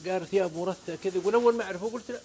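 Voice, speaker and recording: A man's voice: sits high, rapid-fire, darkish tone, slight background noise. A man with a Saudi accent, a guest preacher on a talk show, telling stories with fervent oaths and scripture quotes. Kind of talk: religious talk-show storytelling.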